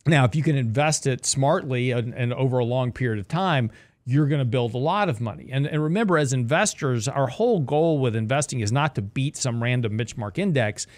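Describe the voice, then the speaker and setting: A man in his sixties, a show host and investment strategist, runs a casual financial advice talk, chatty and jokey, often repeating himself as he explains. His medium-pitched voice is expressive and brisk, in a dry recording.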